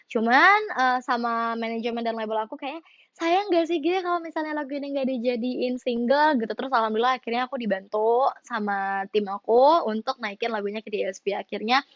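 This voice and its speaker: A young woman with a fairly high voice chats casually with her fans about her own song, giggling now and then and dropping English phrases into her sentences. Her voice sounds close and dry, with a slightly dull, lo-fi tone. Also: no echo.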